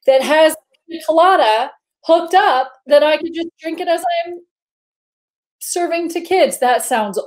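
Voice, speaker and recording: A woman's voice: high-pitched, expressive, unhurried. A woman hosting a casual live-stream chat, bubbly and giggly, rambling with lots of fillers. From Indiana, US. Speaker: host.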